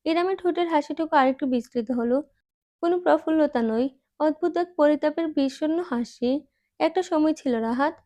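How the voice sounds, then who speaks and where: A woman with a high voice narrates a romance novel as an audiobook, voicing the dialogue herself with dramatic delivery. The recording is close and dry, with no room sound. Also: mellow, dry recording.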